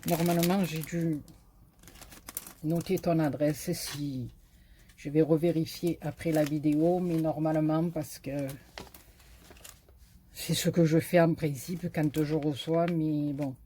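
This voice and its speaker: A woman's voice: deep voice, steady tone, takes it slowly, long pauses, warm tone, a little hiss or hum. A middle-aged woman with a southern French accent chatting casually and rambling to her viewers. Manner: chatty, rambling, frequent fillers and laughs. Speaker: YouTube crafter. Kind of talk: casual chat to camera.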